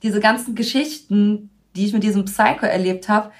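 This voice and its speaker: Chatting casually on her podcast at a normal speed, this woman with a medium pitch tells lively stories. She's talkative and breaks into laughter frequently.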